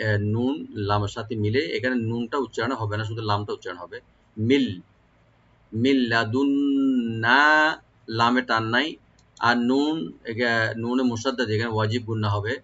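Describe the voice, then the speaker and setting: A man teaching the rules of Quran recitation, explaining each sound slowly and then chanting the verse in a long, melodic style. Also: lowish voice, fairly bright tone, lo-fi sound, a little hiss or hum. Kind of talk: tajweed lesson with recitation.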